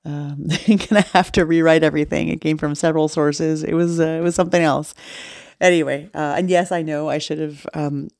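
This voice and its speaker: Bummed-out woman talking into her phone, vocal fry. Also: sits low, fairly even intonation, fairly quick, darkish tone, no echo, studio quality. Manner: rambling, with many fillers and restarts. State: dejected. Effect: recorded on a phone. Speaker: podcast host. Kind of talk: casual update to listeners.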